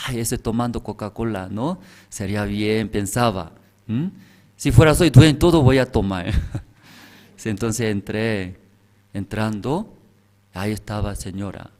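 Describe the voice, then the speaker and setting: A man's voice: medium pitch, darkish tone. A man preaching a sermon as pastor in simple, broken Spanish, often adding short tag questions. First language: Korean.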